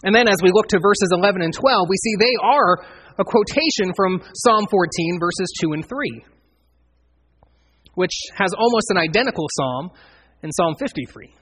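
Breathy-voiced man preaching an expository sermon. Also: high-pitched, animated, moderate pace, fairly bright tone. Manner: earnest expository preaching, quoting scripture. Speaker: pastor.

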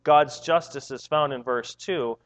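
A man's voice: mid-range voice, unhurried. Guy preaching, reads verses then repeats himself for emphasis, muffled lo-fi sound. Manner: reads scripture aloud, then explains it with repeated words and rising emphasis. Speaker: pastor. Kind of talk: sermon.

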